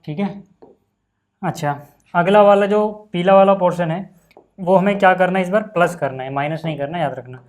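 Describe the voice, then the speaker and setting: A man teaching a maths lesson in a relaxed, chatty way, often saying "okay" and calling his students "brother". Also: sits high, normal speed. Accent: Hindi. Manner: casual, repeats "ठीक है" and "भाई" often. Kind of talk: screen-recorded maths lesson.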